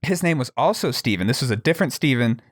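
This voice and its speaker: A young adult man, a podcast guest, telling a comedic story in a casual, animated way, laughing and swearing as he goes. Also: mid-range voice, quick pace, no room sound, clean studio sound.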